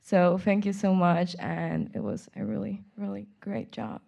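A woman's voice: mid-range voice, lively intonation, a little slow, gravelly, dark tone. Teenage girl from Poland, lo-fi sound. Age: teens. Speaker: audience member. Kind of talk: comment from the audience. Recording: dull lo-fi sound.

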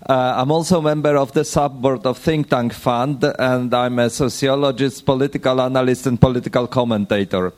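A man plainly introduces himself at a workshop. His voice sits at a middle pitch. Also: fairly even intonation, fairly quick, hardly any pauses, a little mellow. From Poland. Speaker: think tank president.

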